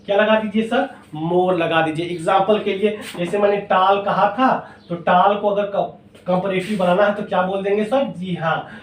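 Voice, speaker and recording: Man, high voice, grammar teacher, asks and answers his own questions, echoey room, off-mic. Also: fairly even intonation, normal speed, far from the mic, a little hiss or hum. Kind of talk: classroom-style grammar lesson.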